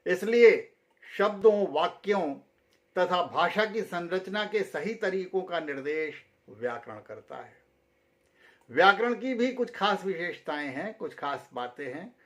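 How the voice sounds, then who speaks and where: A man teaching a grammar tutorial in a slow, measured way, each phrase rising and then sinking at its end. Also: high voice, animated. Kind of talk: tutorial lecture.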